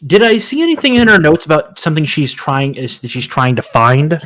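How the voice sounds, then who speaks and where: A man's voice: on the high side, big pitch swings, a little fast, fairly bright tone. A man playing a tabletop game, talking casually and hesitantly as he plans his moves. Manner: hesitant, lots of ums and restarts. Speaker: player.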